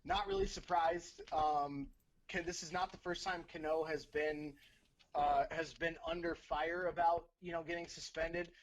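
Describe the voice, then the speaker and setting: A man's voice: a little high, fairly even intonation, measured pace, poor audio. A man co-hosting a sports podcast, giving blunt takes and often repeating himself. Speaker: podcast co-host. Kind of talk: casual sports talk.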